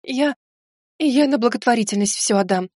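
A man voicing a breathless, panicked female nursery teacher who squeaks and stammers. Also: normal speed, a little mellow, dry recording, clean studio sound.

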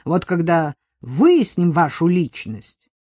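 A woman voicing a gruff middle-aged male police sergeant who scolds loudly. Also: on the low side, very animated, slow, no echo, exaggerated voice. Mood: stern. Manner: stern, scolding, loud.

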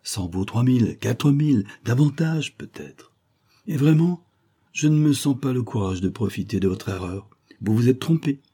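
A man doing a flattering, scheming gentleman buyer. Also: medium pitch, normal speed, husky, pitched above the performer's own voice. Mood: effusive. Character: smooth, flattering male aristocratic customer.

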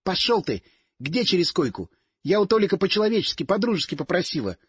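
A man's voice: high-pitched, big pitch swings, fast, slightly rough, no room sound, clean studio sound, exaggerated voice. A man voicing a cheeky, wheedling young woman nicknamed Squirrel, in an audiobook. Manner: whiny, wheedling.

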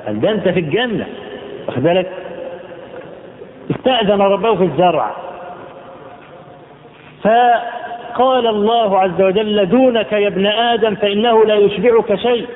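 A man with an Egyptian Arabic accent preaching a sermon, telling stories and mixing classical Arabic with colloquial asides. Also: high voice. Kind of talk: sermon storytelling. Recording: echoey hall, tinny phone-like sound, faint noise.

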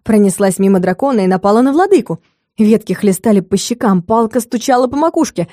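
Expressive woman narrating an audiobook. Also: mid-range voice, a little fast, no room sound, studio quality. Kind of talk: scripted fantasy narration.

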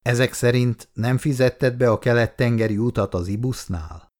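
A man's voice: mid-range voice, darkish tone, lightly acted. A man voicing an impatient young husband who speaks brusquely. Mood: irritated. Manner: brusque, questioning.

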